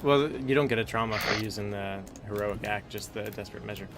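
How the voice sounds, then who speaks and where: A man's voice: lowish voice, brisk, background noise. A man chatting casually and reading game text aloud during a co-op session.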